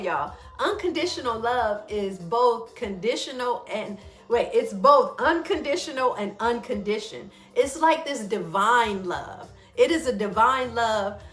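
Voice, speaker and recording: A woman hosting a morning wellness talk, chatty and expressive, calling her listeners y'all and leading a guided breathing exercise. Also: medium pitch, echoey room. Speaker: host of a morning wellness show.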